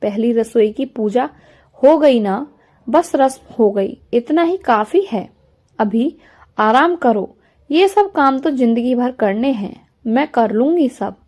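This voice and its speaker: A woman's voice: a little high, expressive, takes it slowly, darkish tone. A woman voicing a kind, doting older mother-in-law who fusses affectionately, in a storybook reading. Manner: affectionate, fussing.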